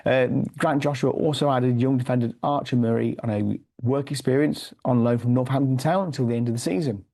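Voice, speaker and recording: A man who has lost his voice to a cold reads a weekly football league review from notes, his hoarse, gravelly voice mid-range, steady and dark in tone, and a little fast. He uses many fillers and restarts.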